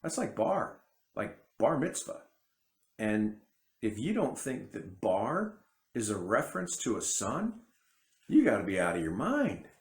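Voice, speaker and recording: His pitch swoops wildly around a fairly low base as he talks in an unhurried way, and the sound is roomy. He's an independent Bible teacher, a man whose first language is English, giving a rambling, conversational commentary to camera and often stopping mid-sentence to start again.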